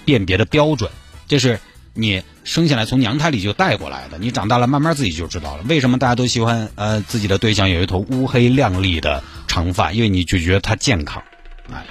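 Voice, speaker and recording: A man with a Sichuanese accent telling a comic story in an animated way, full of exclamations. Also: fairly low pitch.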